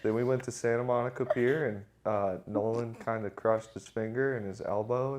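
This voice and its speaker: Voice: mid-range voice, fairly even intonation, normal speed, a little mellow. A young podcast co-host in casual chat, rambling through a recap with many fillers.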